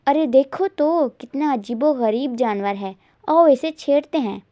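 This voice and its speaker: A woman's voice: sits high, animated, no room sound, highs cut off. A woman voicing a pair of mischievous young monkeys who taunt and tease in a children's storybook tale. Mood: excited. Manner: taunting, mocking.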